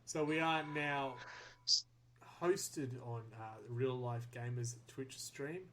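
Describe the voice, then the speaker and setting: A man's voice: medium pitch, slow, slight background noise. A man hosting a casual podcast, chatty and laughing easily while a little flustered. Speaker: podcast host.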